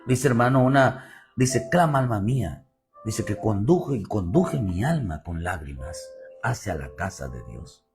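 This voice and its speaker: A man's voice: lowish voice, big pitch swings, measured pace, faint music behind. A male pastor with a Mexican Spanish accent, preaching a sermon with repeated phrases and swelling emphasis, often calling the listeners "brother". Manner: preaching with repetition and rising emphasis, addressing "hermano".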